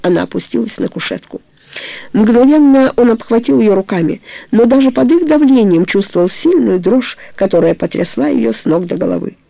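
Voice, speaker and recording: Gravelly, dark-voiced audiobook narrator. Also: medium pitch, lively intonation, normal speed, no room sound. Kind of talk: literary novel reading. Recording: dull lo-fi recording.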